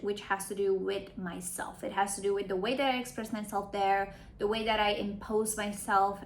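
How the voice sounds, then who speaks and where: A woman's voice: medium pitch, a bit bright, a little hiss or hum. A woman in her late twenties from Romania, an astrologer talking through her travels in a chatty vlog, often checking in with "right?". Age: late 20s. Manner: chatty, explains terms with tag questions. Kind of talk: casual explanatory vlog.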